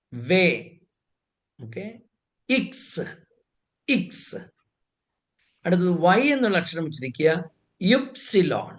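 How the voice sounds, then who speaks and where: A man teaching a language lesson, saying each letter sound twice and explaining it patiently. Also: high voice. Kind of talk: slow, step-by-step lesson explaining pronunciation.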